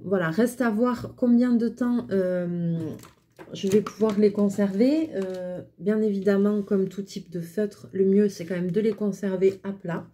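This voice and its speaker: A young French woman talking casually to camera while testing felt pens, with lots of fillers and hesitations. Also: mid-range voice. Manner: hesitant, many fillers, chatty and relaxed. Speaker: craft vlogger reviewing pens. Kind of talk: casual product review.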